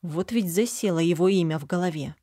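Woman narrating an audiobook, mellow tone. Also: fairly low pitch, fairly quick, dry recording, clean studio sound. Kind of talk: scripted first-person narration.

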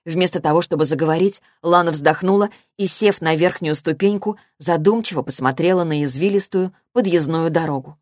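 Woman narrating an audiobook, lowish voice, steady and measured, dead dry sound. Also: no echo. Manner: measured, even storytelling. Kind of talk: scripted narration.

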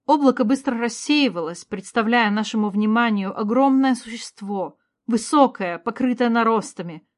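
A woman reading a first-person fantasy story aloud in a steady, clear voice. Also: on the high side, normal speed, few pauses. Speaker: narrator.

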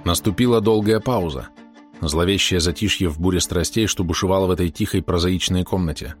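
A man reading a novel aloud in a measured, dramatic narration. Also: low-pitched, over music. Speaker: audiobook reader. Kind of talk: scripted narration.

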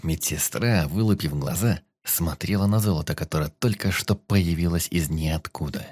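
Low-voiced man narrating an audiobook. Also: normal speed, darkish tone. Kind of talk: scripted narration.

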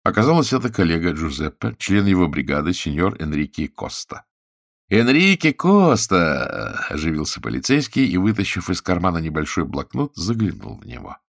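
A man reading a story aloud as narrator, expressive and theatrical. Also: deep voice, fairly quick, vocal fry, hardly any pauses, no echo, clean studio sound. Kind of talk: audiobook reading.

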